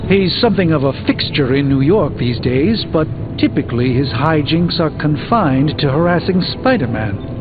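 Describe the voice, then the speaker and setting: An actor playing an erudite, proud, guilt-burdened middle-aged sorcerer doctor in a video game, speaking formally in measured, articulate phrases. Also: male voice, a little high, expressive, narrow, tinny audio, lightly acted. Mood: explanatory, grave. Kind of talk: video game dialogue acting. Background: background music.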